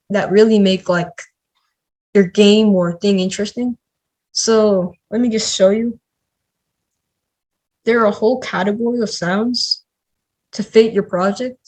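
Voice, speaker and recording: A man's voice: high voice, poor audio. A man teaching a coding tutorial in a casual, chatty way, with many "like" and "um" fillers. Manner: chatty, filler-heavy, says "like" a lot. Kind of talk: casual screen-recorded tutorial.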